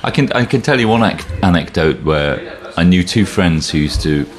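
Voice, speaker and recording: A middle-aged man with a very low voice chats on a podcast, swooping widely in pitch as he tells old stories. He laughs readily and keeps a relaxed, anecdotal flow. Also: normal speed. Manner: chuckling, anecdotal storyteller. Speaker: podcast co-host. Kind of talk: casual chat.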